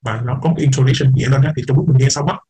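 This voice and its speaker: A man's voice: medium pitch, fairly even intonation, rapid-fire, mellow, husky, rough recording. A man teaching an English class, explaining patiently, repeating words and mixing English terms into his talk. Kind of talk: online class lecture.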